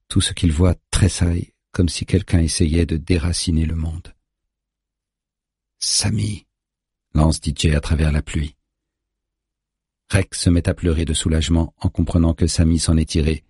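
A man reads a thriller audiobook in a steady, tense voice. His tone is very deep and rough, almost raspy, and it sounds close and dry with no room around it. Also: no room sound. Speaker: audiobook narrator. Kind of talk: scripted thriller narration.

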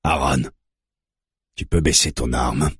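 A man doing a calm police negotiator. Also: a bass voice, slightly rough, no echo, clean studio sound, pitched below the performer's own voice, heavily acted. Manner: calm, reasoning, deliberate.

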